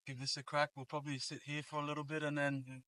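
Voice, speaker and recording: A man's voice: a little high, flat delivery, fast talker, bright, forceful tone, no room sound. A man with an Australian accent chatting casually outdoors in laddish slang with some swearing, as a fishing vlogger on an action camera. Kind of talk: casual outdoor vlog chat. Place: outdoors by the water. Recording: outdoor action-camera audio, music behind.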